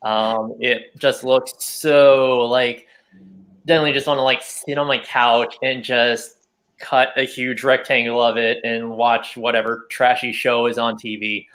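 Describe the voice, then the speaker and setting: A man's voice: medium pitch, flat delivery, measured pace, fairly bright tone. A man giving rambling, casual feedback as a cooking judge over a video call. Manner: chatty, rambling, lots of fillers.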